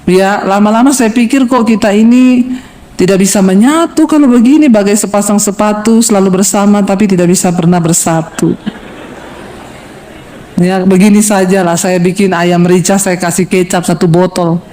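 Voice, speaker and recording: A middle-aged woman pastor from Sulawesi preaching a sermon, lively and humorous, teasing the congregation and swinging between high exclamations and low asides. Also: normal speed.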